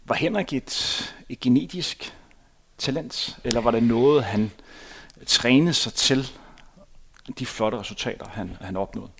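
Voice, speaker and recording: Gravelly man hosting an interview. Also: mid-range voice. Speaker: podcast host. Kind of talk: studio interview. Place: studio.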